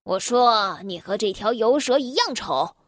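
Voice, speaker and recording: A woman's voice: fairly high pitch, lively intonation, unhurried, no echo, clean studio sound. A woman voicing a bratty boy who bullies and jeers, then groans in pain. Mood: jeering. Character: bratty mean boy bully, later weak and sorry.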